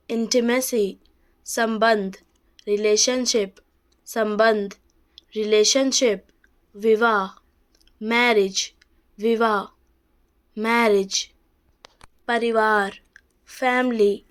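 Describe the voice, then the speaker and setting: A woman reads out a vocabulary list at a very slow, deliberate pace, pausing on every word. Her voice sits a little high. She repeats each pair twice in an even, measured way, like a patient teacher. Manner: measured, evenly paced recitation.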